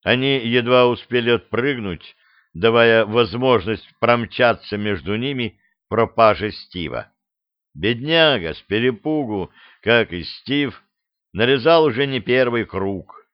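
A man reading a comic fantasy tale in a steady, even storyteller's voice. His pitch sits in the middle range. The recording is dry and dull, with a lo-fi tone. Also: measured pace, no echo. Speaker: audiobook narrator. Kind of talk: scripted fantasy narration.

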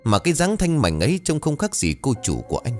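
A man narrating a ghost story in a dramatic, expressive storytelling style. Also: medium pitch, a little fast, soft background music.

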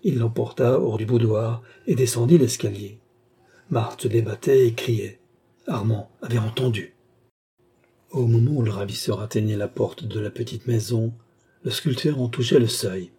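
Brief: male narrator, classic novel, deep mellow tone, breathy edge. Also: normal speed. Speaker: audiobook narrator.

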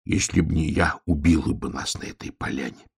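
Brief: anxious bear cub, deep and soft, read by a male narrator. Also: fairly quick, creaky, slightly rough, exaggerated voice. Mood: grumbling. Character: timid young bear cub, anxious and fussy. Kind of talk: storybook reading.

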